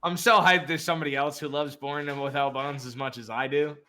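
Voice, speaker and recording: A man's voice: a little high, fairly even intonation, brisk, bright, forceful tone. A man hosting a casual trivia game, reading out questions and teasing the players with a lot of swearing. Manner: joking, swears freely, reads quiz questions aloud. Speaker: host running a trivia game. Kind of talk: casual chat.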